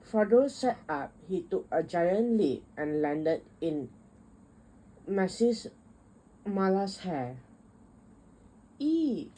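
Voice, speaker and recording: A woman reading a children's picture book aloud in a steady, careful way. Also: fairly low pitch, slow, slight background noise, low-quality recording. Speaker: storyteller.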